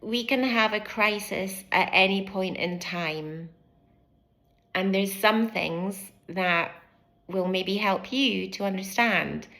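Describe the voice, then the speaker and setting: A woman's voice: mid-range voice, takes it slowly, vocal fry. A British woman in her fifties, a former family doctor, telling her own story candidly and animatedly to camera, acting out the things people said to her. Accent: British English. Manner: candid, animated, acts out quoted speech; fidgets and moves while speaking. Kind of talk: personal vlog storytelling to camera.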